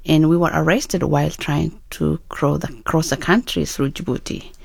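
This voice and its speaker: A woman from Ethiopia in her fifties with an Ethiopian accent, a radio interview guest who speaks in a measured, hesitant way with many pauses. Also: sits low, steady tone, vocal fry, slightly rough, no room sound, clean studio sound. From Ethiopia (Oromia). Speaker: guest, author and nonprofit founder.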